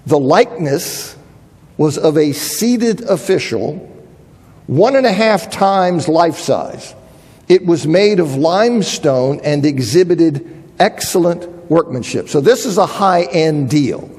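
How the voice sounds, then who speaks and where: Husky man lecturing in a reverberant hall. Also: a little high, animated, slow pace, a little mellow. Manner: thinking aloud, restarts, reads quotes aloud. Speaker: Bible teacher. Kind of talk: lecture on biblical archaeology.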